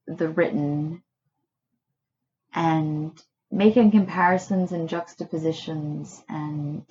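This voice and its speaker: A woman from Australia, a poet, speaking thoughtfully in a quiet bedroom and reading her poems. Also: on the low side, lo-fi sound, a little hiss or hum. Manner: thoughtful, musing. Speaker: poet guest. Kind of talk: reflective conversation and poetry reading.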